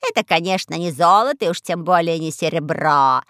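A woman's voice: on the low side, a little fast, fairly bright tone, no echo, clean studio sound, natural voice. A woman voicing a sly, greedy, self-pitying old female crow in an audiobook, with a drawling, wheedling delivery. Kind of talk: audiobook character voice.

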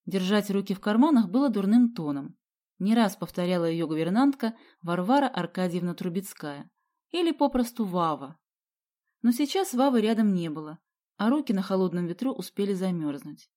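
A woman narrating a children's audiobook in an expressive storytelling manner. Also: mid-range voice. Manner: expressive storytelling, slow headings. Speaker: audiobook reader.

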